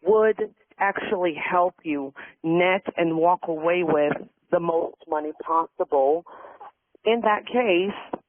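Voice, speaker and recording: A man speaking as a realtor over a landline phone, earnest and reassuring as he makes his sales pitch. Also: takes it slowly, no room sound. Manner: earnest, reassuring, repeats key phrases. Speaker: realtor in a practice sales call. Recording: narrow tinny landline sound.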